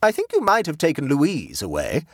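A man's voice: fairly high pitch, huge pitch swings, normal speed, no echo, studio quality, voice pushed up, full character voice. A man voicing a stern, vigorous old dowager who reproves her sister in a clipped manner. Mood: reproving. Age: older.

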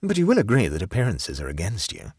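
A man's voice: fairly low pitch, huge pitch swings, quick pace, slightly rough, dry recording, heavily acted. A man voicing a contemptuous, drily polite society wit in a storybook, with sardonic delivery. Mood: mock polite. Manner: dry, sardonic.

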